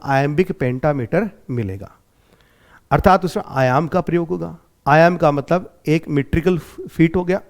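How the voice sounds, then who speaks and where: High-voiced Indian male teacher. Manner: asks questions and answers them himself; repeats key points slowly in simple words. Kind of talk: exam-prep literature lecture.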